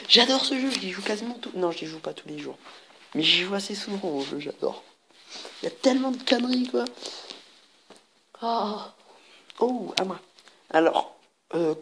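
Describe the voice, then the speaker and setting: A woman with a fairly low voice, slight hiss or hum behind her, plays an online party card game on her channel. She reads the cards aloud, laughs a lot, and cracks crude jokes as a gamer and video host doing let's play commentary.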